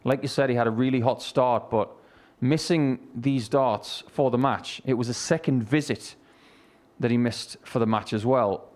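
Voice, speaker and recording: A man's voice: mid-range voice, moderate pace, darkish tone. A man presenting live darts coverage and commentary.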